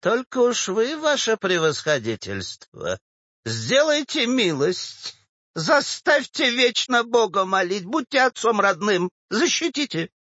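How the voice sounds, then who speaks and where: A man's voice: high voice, sing-song, takes it slowly, bright, forceful tone, no room sound, muffled recording, pitched above the performer's own voice, exaggerated voice. A man voicing a pushy, self-pitying old woman who whines and insists in a storybook reading. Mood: pleading shrill.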